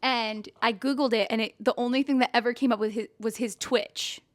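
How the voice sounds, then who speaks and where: A young woman with a high voice co-hosts a casual podcast chat. She tells stories animatedly, laughing often and slipping into impressions of the people she talks about. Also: a little fast. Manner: animated storyteller, laughs often, mimics others. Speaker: podcast co-host.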